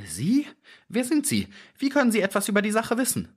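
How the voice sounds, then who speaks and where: A man voicing a small, frightened man who speaks in a high, unsteady, pleading voice. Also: wildly swooping pitch, fairly quick, husky, heavily acted. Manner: high, trembling, anxious voice.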